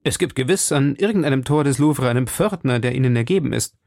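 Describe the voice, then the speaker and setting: A man's voice: medium pitch, lively intonation, fast talker, vocal fry, a little mellow, dry recording, clean studio sound. A man voicing a frightened young woman in hiding, pleading urgently with her rescuer in a raised voice. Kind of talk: audiobook character voice.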